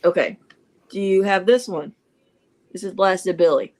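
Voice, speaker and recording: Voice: mid-range voice, unhurried, a little mellow. A live stream host chatting in a rambling, casual way about a card collection. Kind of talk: casual chat.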